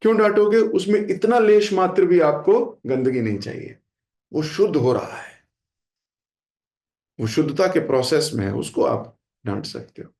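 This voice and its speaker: Gravelly-voiced man preaching a sermon. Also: on the high side, animated, a little slow, darkish tone, roomy sound. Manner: acts out quoted speech in shifting voices; mixes English phrases into Hindi. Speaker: devotional speaker. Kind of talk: sermon on scripture.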